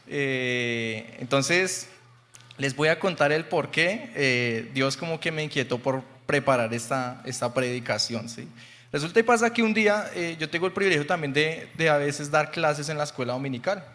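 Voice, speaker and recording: A man's voice: a little high, moderate pace, fairly bright tone. A man in his twenties with a Bogotá Colombian accent, giving a chatty testimonial sermon in church, often checking in with "¿sí?". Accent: Bogotá Colombian Spanish. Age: 20s. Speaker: young preacher. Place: church sanctuary. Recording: long church hall reverb.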